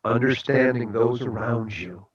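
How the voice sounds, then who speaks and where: A man's voice: mid-range voice, measured pace, muffled recording, noisy background. A man who is a guest speaker on a radio talk show, telling a story and giving a motivational talk in an earnest way.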